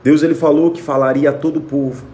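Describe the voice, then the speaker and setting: A man's voice: on the high side, level tone, quick pace, mellow. A man with a Brazilian Portuguese accent preaching and praying fervently on a livestream, repeating blessings to his listeners. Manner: fervent, repetitive blessing of viewers by name. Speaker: pastor. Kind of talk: prayer and sermon on a livestream. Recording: echoey room with faint music.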